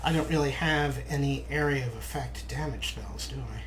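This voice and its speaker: At normal speed and in a mid-range voice, a man musing wryly gives casual commentary as he plays a video game for his let's play. Video game sound effects are clearly audible behind him.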